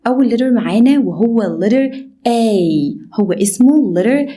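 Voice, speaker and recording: A woman with an Egyptian Arabic accent teaching English letter pronunciation, slowly demonstrating each sound and often asking "okay?". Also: on the high side, lively intonation, warm tone. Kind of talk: online pronunciation lesson.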